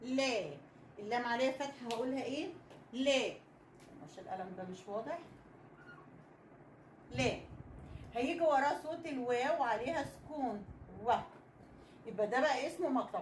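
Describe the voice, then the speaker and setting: A young woman teacher with an Egyptian accent, giving a children's reading lesson. She stretches out letter sounds and repeats them patiently. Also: sits high. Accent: Egyptian Arabic. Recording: echoey room with faint noise.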